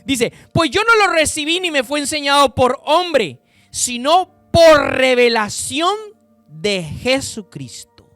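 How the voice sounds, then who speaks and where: Male preacher, high voice, emphatic sermon delivery, speaks straight to his listeners, dry close sound. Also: big pitch swings, fairly bright tone, no echo, soft background music. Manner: slow, emphatic scripture reading with sudden pitch rises and drops; addresses listeners directly. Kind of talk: sermon with Bible reading.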